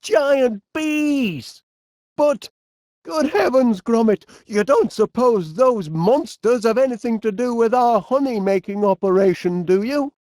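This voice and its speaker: A male actor with a Northern English accent playing Wallace, a cheery, bumbling middle-aged inventor who is hesitant and easily flustered, in an animated comedy game. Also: extremely high pitch, measured pace, no room sound, clean studio sound. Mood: alarmed. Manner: hesitant, stammering, genial.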